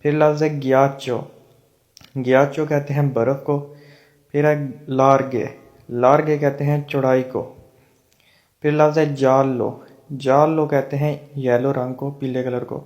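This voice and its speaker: A man's voice: medium pitch, flat delivery, darkish tone. A man teaching a language lesson, patiently explaining each example word by word. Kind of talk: Italian lesson for Urdu speakers.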